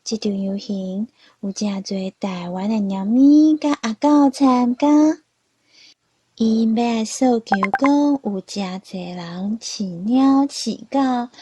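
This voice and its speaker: Slow, husky woman telling a children's story. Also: mid-range voice, mellow, no room sound.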